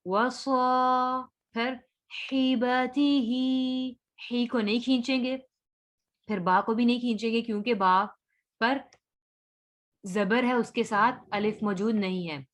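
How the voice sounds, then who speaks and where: Woman teacher, slow and patient, chants verse bits then explains, kinda high voice. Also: fairly even intonation. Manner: patient, repeats words for learners. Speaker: Quran recitation teacher. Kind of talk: online tajweed lesson.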